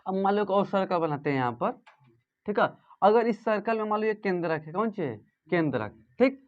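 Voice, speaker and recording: High-voiced man teaching math in class. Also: lively intonation, brisk. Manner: asks students questions and repeats answers. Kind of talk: classroom lesson. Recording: dull lo-fi sound.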